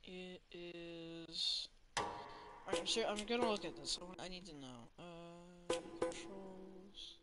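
A woman's voice: on the low side, takes it slowly, fairly bright tone, faint music behind. A woman streaming a video game, chatting casually to herself as she plays. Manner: chatty, talks to herself, drops to a whisper at times. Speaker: gaming streamer. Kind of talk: casual let's-play commentary.

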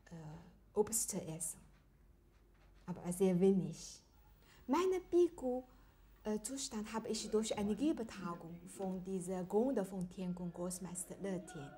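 Woman in her forties, from China, native Chinese, mellow voice, halting German, lots of fillers, seated interview, lapel mic. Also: fairly low pitch. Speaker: qigong teacher. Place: indoor room with large windows.

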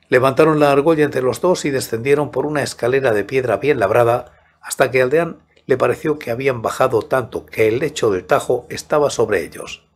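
A man in his sixties narrating a scripted story in a measured, soft-spoken way, close to a studio microphone. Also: mid-range voice. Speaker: host and narrator of horror audiobook channel. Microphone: large studio microphone close to the mouth, headphones.

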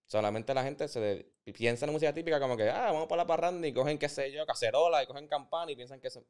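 A man hosting a podcast interview, talking in an animated, opinionated way and mixing in English words. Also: medium pitch, fast talker, smooth. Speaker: podcast host. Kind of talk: casual interview.

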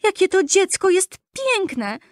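A woman voicing a group of small, cheerful male dwarves in a storybook reading, with high, drawn-out, wondering questions. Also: very animated, dry recording, clean studio sound, heavily acted. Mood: amazed.

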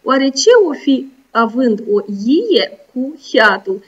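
A woman teacher giving a recorded school lesson, pronouncing sounds and syllables slowly and carefully. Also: high-pitched, expressive, slightly rough, far from the mic. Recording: dull lo-fi sound, voice set back, soft music. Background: soft background music.

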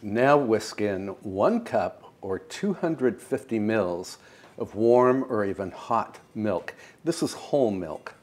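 An older American man hosting a home cooking show, explaining each step in a calm, precise, gently encouraging way in his kitchen. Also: lowish voice, slow, slight background noise. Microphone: lapel mic.

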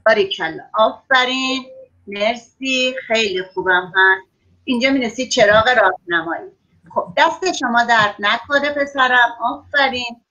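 A woman teaching a class of young children over a video call, praising them often and drawing out words slowly so they can write them down. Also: fairly high pitch, bright, forceful tone, highs cut off. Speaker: primary school teacher.

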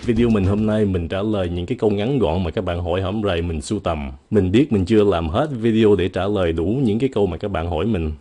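A man with a low, mellow voice teaches English pronunciation in a relaxed video lesson. His first language is Vietnamese, and he draws each model word out slowly so it can be copied. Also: faint music behind. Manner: slow, drawn-out model words.

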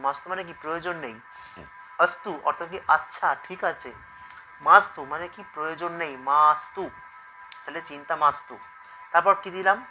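A man's voice: a little high, bright, forceful tone, rough recording. A man teaching a spoken-language lesson, explaining each form step by step and repeating it. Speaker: Sanskrit teacher.

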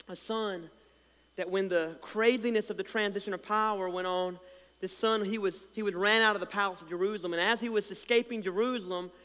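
A pastor delivers a sermon in a church sanctuary, his voice high for a man with a slight lisp. He surges loud with passion, then sinks nearly to a murmur, piling up repeated words as he builds. Each phrase trails a long reverb.

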